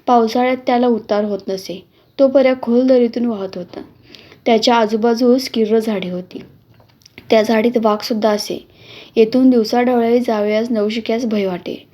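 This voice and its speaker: A woman reading a classic novel aloud as a storyteller, in an earnest, measured way. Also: fairly high pitch, dark tone.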